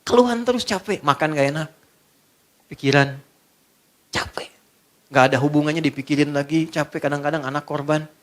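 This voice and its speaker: A man's voice: a little high, a little fast, pauses often, fairly bright tone. A middle-aged man preaching a sermon, joking and quizzing his audience as he goes.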